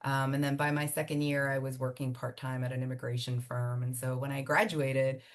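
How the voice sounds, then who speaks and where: A woman from Miami whose first language is Spanish, an immigration attorney answering interview questions in a chatty, animated way with fillers and laughs. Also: rumbling low, fairly quick. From Miami, United States. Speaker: immigration attorney and law firm founder.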